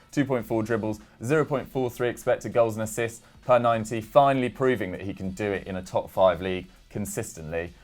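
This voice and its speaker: A young man hosting a casual football chat show, reeling off stats in a chatty, self-deprecating way. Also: on the low side. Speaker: football podcast host.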